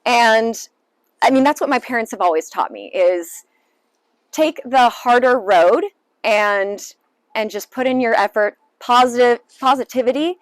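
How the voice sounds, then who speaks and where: A woman's voice: a little high, measured pace, no echo, poor audio. A woman in her late twenties, a council candidate, answering interview questions in an upbeat, earnest way with many fillers. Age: 20s. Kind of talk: sit-down news interview.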